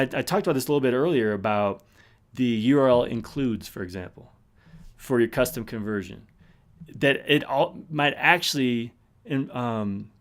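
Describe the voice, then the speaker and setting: A man presenting a live webinar and answering questions in a loose, casual way, stopping and restarting often, while he is losing his voice. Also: mid-range voice. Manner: casual, full of fillers and restarts.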